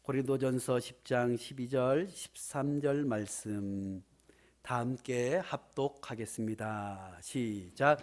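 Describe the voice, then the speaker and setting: A male pastor preaching a Sunday sermon in a church sanctuary, animated and building to emphatic exclamations. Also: medium pitch, slow.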